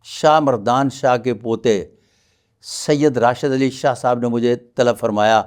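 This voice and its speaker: A man speaking as a palmist guest on a podcast interview, with measured, formal and courteous phrasing. He is from Pakistan. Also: medium pitch, fairly even intonation, darkish tone, smooth.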